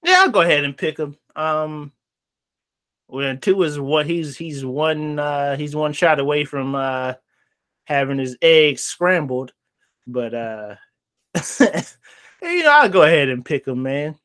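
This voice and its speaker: Young male co-host, slightly high voice, relaxed slangy picks talk. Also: slow, smooth. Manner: relaxed, slangy, says man and bro. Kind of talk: casual sports picks chat.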